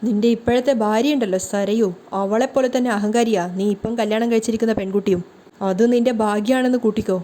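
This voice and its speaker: Woman doing angry sarcastic young guy from a serial recap, mellow tone. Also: fairly high pitch, steady tone, quick pace, close to an everyday voice. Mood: scolding. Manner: sarcastic, scolding. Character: angry scolding young man, Kiran.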